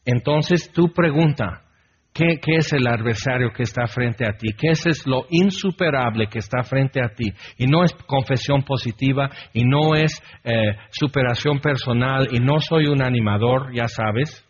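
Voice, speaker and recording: A man's voice: mid-range voice, unhurried, slightly rough. A man preaching a sermon as pastor in an earnest way, leading his congregation in a responsive psalm reading. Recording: dull lo-fi recording.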